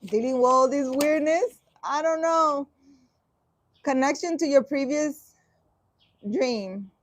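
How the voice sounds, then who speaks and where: Speaking slowly in a high voice, a woman who vlogs about spiritual topics reads out a dream interpretation. She breaks off to make exasperated, sarcastic comments, curses offhandedly and frequently starts her sentences over.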